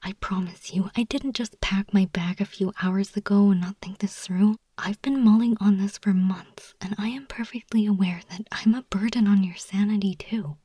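A young woman performing a whispered ASMR roleplay as an anxious, broke young woman, speaking in a soft, confiding, pleading way. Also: medium pitch, fairly even intonation, moderate pace, few pauses, dry recording, close to an everyday voice. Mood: earnest, persuasive. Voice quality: breathy whisper.

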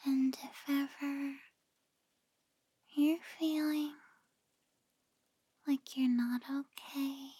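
Woman acting as loving gf ASMR role-play, right in your ear, super slow n soothing, high soft voice, lulling you to sleep. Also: level tone, no echo. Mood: tender, reassuring. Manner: close, right in the listener's ear. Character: tender, reassuring female partner lulling a loved one to sleep.

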